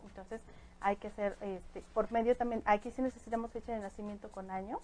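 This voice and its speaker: A woman giving calm, explanatory spiritual advice about angels as a guest on a chat show. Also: medium pitch, brisk, slight background noise, low-quality recording. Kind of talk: casual chat.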